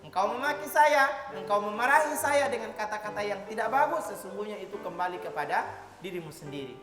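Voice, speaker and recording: A woman voicing a calm, patient and forgiving young man, quoted softly within a children's religious story. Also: medium pitch, fairly quick, lightly acted. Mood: gentle. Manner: soft, quiet quoted speech. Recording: echoey hall with music behind.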